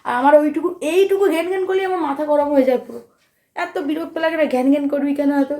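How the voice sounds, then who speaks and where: Fast-talking, high-voiced sleepy young mother. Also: mellow. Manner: chatty and fretful, rambling with restarts. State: sleep-deprived. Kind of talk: casual home vlog chat.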